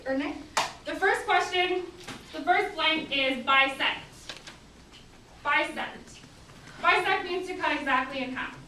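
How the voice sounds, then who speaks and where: Female teacher addressing class. Bright, forceful voice, firm instructions, echoing room with faint noise. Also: very high-pitched. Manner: firm, directive, checking for responses. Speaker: geometry teacher. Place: indoor classroom. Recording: echoey classroom, distant mic, faint noise.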